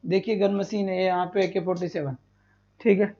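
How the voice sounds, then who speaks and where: High-voiced man teaching a live class. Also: fairly even intonation, moderate pace, mellow, lo-fi sound. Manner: repeats questions and answers them himself; chatty, scolds students for being late. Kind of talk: live online exam-prep class.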